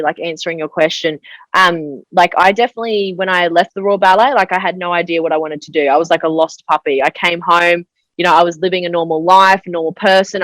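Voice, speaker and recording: Chatty young woman, low voice. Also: fairly bright tone, no room sound, low-quality recording. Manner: chatty storyteller, fills speech with 'like'. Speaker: podcast guest. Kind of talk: casual interview chat.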